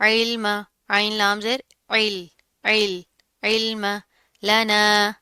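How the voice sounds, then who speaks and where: A woman's voice: medium pitch, level tone, very slow, sharp tone, clean tone, no room sound. A woman teaching Quran recitation, who explains each sound patiently and asks and answers her own questions. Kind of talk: tajweed lesson, explaining and reciting.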